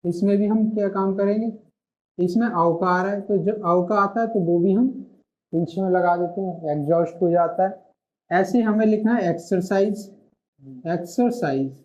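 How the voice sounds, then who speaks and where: Patiently explaining shorthand in an online class, a man with a high, slightly mellow voice speaks at a moderate pace. He keeps pausing to ask questions and answer them on his own, and the recording is muffled and lo-fi.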